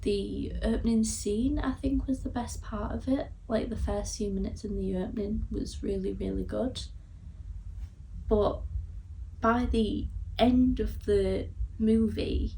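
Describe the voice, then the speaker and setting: Speaking slowly in a warm, gravelly mid-range voice with fairly even intonation, a young woman with a Yorkshire accent reviews a film to camera, casual and a bit hesitant. The recording comes from a distant mic with faint noise behind her.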